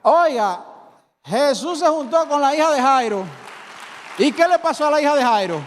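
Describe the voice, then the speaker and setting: A man's voice: extremely high pitch, animated, moderate pace, some chatter behind, a little hiss or hum. A male pastor with a Dominican accent preaching a sermon, emphatic and full of rhetorical questions to the congregation. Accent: Dominican Spanish. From Dominican Republic. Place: church hall. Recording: reverberant church hall.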